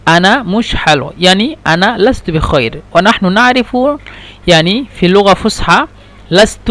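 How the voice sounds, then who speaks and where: A man teaching spoken phrases in a slow, deliberate lesson, repeating every sentence two or three times. His voice sits fairly high for a man. He pauses and restarts often as he explains. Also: a bit bright. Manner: hesitant, with many fillers and restarts. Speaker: Arabic teacher. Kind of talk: slow repetitive language lesson.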